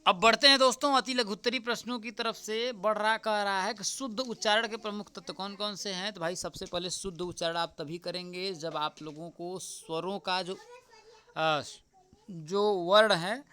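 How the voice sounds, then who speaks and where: A man teaching as an exam tutor, going through a paper answer by answer, repeating the key answers slowly and often checking with "right?". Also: high-pitched, steady tone, pushed and bright, smooth. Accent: Hindi. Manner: repeats answers slowly, keeps asking "ठीक?"; addresses viewers as friends.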